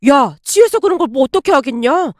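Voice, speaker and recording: A woman voicing a blunt, easygoing young office coworker who talks fast. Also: high-pitched, lively intonation, a little mellow, dry recording, clean studio sound. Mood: blunt excited.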